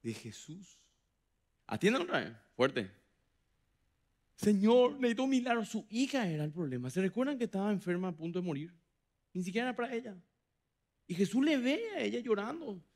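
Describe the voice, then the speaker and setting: A man preaching a sermon as pastor, dramatic, acting out quoted voices with big swings from loud to hushed. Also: high-pitched, very animated, fairly quick. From Paraguay. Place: church hall.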